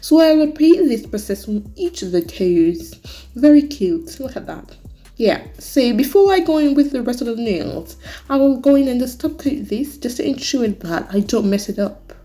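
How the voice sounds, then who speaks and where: A woman's voice: fairly high pitch, lively intonation, moderate pace, dark tone, soft background music. A woman narrating a casual nail tutorial, clumsily switching accents as her put-on British accent slips into American. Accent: put-on British, slipping into American.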